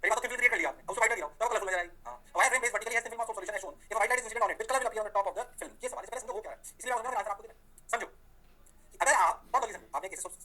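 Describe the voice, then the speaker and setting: A man teaching physics, firing questions and answering them himself. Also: high-pitched. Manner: energetic, asks questions and answers them himself, voices the students' replies. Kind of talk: lively classroom lecture.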